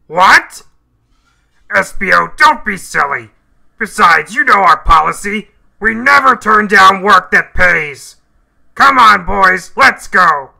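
A brash cartoon crocodile who runs a detective agency. The voice sits high for a male and is full of heavy gravel. It is extremely forceful and edgy, with a bossy, emphatic way of giving orders. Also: lively intonation, slow pace, heavily acted. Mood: confident, cocky. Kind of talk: cartoon video game character voice reel.

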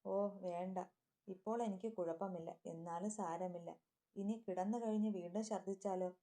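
A woman's voice: on the low side, fairly even intonation, moderate pace, warm tone, close to an everyday voice. A woman voicing a frightened young pregnant wife who complains of her fear. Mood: fearful. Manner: whining, fearful.

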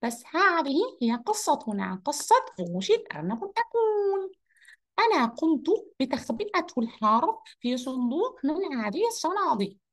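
A woman's voice: high voice, moderate pace. Woman voicing Oudi, a cheerful rabbit. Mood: playful. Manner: lively, upbeat, speaks to children. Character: cheerful energetic male rabbit storyteller. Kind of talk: children's online lesson role-play.

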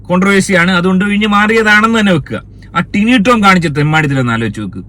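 A man's voice: high-pitched, animated, fast, sharp tone. A man hosting a commentary video, scolding and indignant, firing rhetorical questions in a heated opinion rant. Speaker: commentary channel host.

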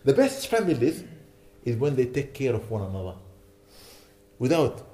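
Earnest sheikh preaching. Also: male voice, mid-range voice, big pitch swings, normal speed, dark tone. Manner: earnest, urges with repeated rhetorical questions. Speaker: sheikh giving a lecture. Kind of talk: sermon. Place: lecture hall.

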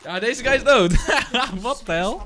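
Dutch guy reacting to clips, loud bursts, laughing a lot, high voice, bit of music underneath. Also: measured pace. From Netherlands. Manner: excitable, loud bursts, laughs, mixes English slang. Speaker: gaming YouTuber reacting to clips. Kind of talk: casual reaction commentary.

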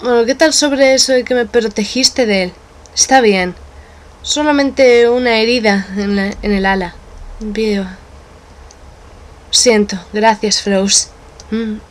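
A woman reading a game's dialogue aloud, voicing each character in turn with playful shifts in pitch. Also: steady tone, slow pace, long pauses. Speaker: let's play narrator voicing game characters. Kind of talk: dubbing game dialogue aloud.

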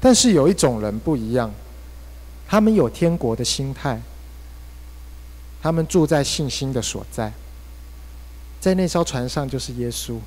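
A man's voice: mid-range voice, expressive, normal speed, long pauses, darkish tone. A male pastor with a Taiwanese Mandarin accent preaching a sermon, telling a personal story with emotional swings. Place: church hall. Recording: long church hall reverb.

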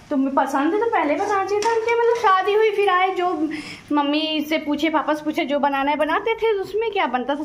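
A woman in her thirties chatting away in a rambling, motherly way while cooking, filmed on a phone at arm's length in a small home kitchen. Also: high voice. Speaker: vlogger. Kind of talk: casual cooking vlog chat. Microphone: phone camera at arm's length. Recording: echoey kitchen, faint frying noise.

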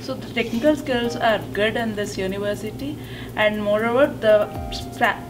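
A young woman with an Indian English accent, a new graduate speaking in a measured, plain way. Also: mid-range voice. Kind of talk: testimonial interview. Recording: distant mic, background music.

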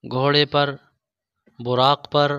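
A man reading religious quiz questions, pausing over each option before he gives the answer. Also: medium pitch, level tone, muffled recording, noisy background. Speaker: quiz host. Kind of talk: scripted quiz narration.

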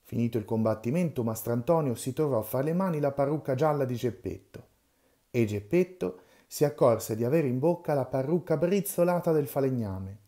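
A man's voice: medium pitch, lively intonation, normal speed, dark tone. Man reading a classic tale aloud. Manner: storyteller's reading, dramatic in the quarrels. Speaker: reader.

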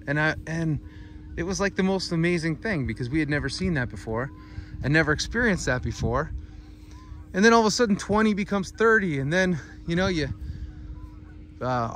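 Rambling farmer outdoors in a pasture. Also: male voice, a little high, fairly bright tone, a little hiss or hum. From United States. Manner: rambling storytelling with many fillers. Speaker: farmer and channel host. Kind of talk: casual walk-and-talk vlog. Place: outdoors in a farm pasture with cattle.

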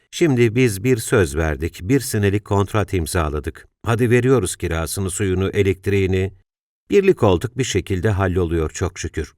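A man's voice: low voice, darkish tone, no echo, clean studio sound, close to an everyday voice. A man voicing a worried older father, a retired civil servant, who talks in an anxious, earnest way with sighs.

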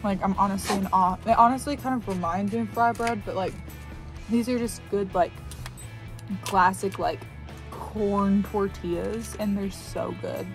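A young woman talks straight to her phone camera in a loose, rambling vlog style, full of "like" and restarts. Her voice sits at an ordinary middle pitch for a woman. Soft music plays faintly behind her. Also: measured pace. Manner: chatty, rambling, lots of "like" fillers. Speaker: vlogger. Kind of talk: casual vlog chat. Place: inside an RV.

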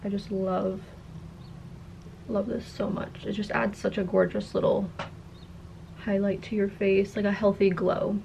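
A woman's voice: mid-range voice, little pitch movement, unhurried, gravelly, long pauses, warm tone, slight background noise. A woman in her twenties with a slight lisp that makes her s sounds slushy, chatting casually to camera as a content creator. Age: 20s. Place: carpeted attic-style room indoors.

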